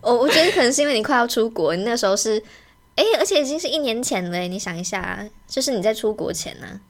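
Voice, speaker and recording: A young woman co-hosts a podcast in casual chat. She talks very fast in a slightly high voice. She laughs often and slips into quick imitations of friends. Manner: giggly, animated, quick to mimic friends. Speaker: podcast co-host.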